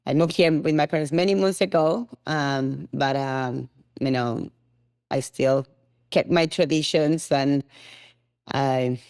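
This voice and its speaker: A woman's voice: a bass voice, slow pace, a little mellow, dry recording, studio quality. Argentine woman chatting with easy laughs. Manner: laughs often, lots of "you know" fillers. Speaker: guest, tango studio founder. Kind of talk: casual podcast interview.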